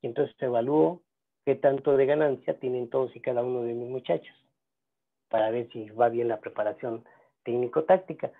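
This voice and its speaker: Guy teaching a seminar, lots of "eh" and restarts, tinny sound. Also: mid-range voice. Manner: halting, many fillers and restarts. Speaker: seminar instructor. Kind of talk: lecturing at a seminar. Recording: gravelly voice on a tinny phone-like line.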